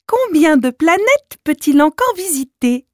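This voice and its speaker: A woman voicing Noisette, an eager female guide in a children's storybook, talking in a hurried, excited way. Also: high voice, no echo, studio quality, voice pushed up. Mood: riddling.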